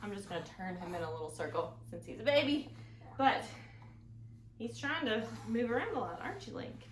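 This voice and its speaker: In an echoey room with clear background noise, a library host runs interactive storytime for little ones, singing songs, reading picture books, and quizzing her audience with small questions. Her voice sits on the high side and is expressive, moving a little fast in a playful, sing-song style.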